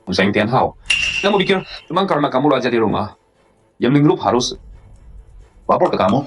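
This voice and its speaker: A man dubbing a calm young man who hides his power and answers insults coldly, in a drama. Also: medium pitch, brisk, noisy background, lightly acted. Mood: cutting. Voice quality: cool, cutting. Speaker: company general manager. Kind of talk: dubbed drama dialogue.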